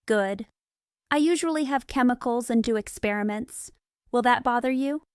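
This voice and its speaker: A woman reading the lines of an eccentric young male detective in a calm, precise, matter-of-fact way. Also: fairly high pitch, normal speed, clean tone, no echo, clean studio sound, lightly acted.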